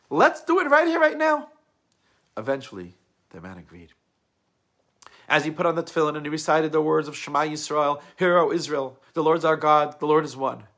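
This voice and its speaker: A middle-aged man, a rabbi, telling a story in a sermon, animated, with big swings between loud emphasis and quiet asides. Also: on the high side.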